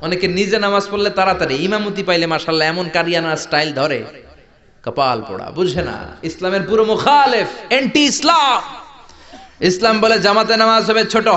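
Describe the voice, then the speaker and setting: Preacher guy, fairly high voice, fired up, asks the crowd stuff, big echoey hall. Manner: animated, calls for crowd responses, shouts, storytelling. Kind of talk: Islamic sermon (waz). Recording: echoey hall, muffled lo-fi sound.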